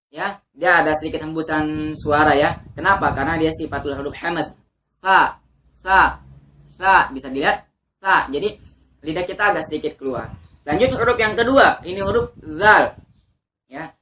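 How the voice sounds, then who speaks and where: A woman teaching Quran reading, patiently drilling letter sounds and reciting verses slowly and drawn out. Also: deep voice, fairly bright tone, a little hiss or hum. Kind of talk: teaching letter pronunciation to learners.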